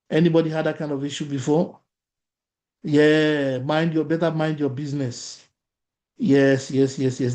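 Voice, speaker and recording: A man with a slightly high, dark-toned voice runs an interactive online workshop as its facilitator. He has a Nigerian accent, speaks Yoruba natively, and often asks the audience questions while repeating phrases.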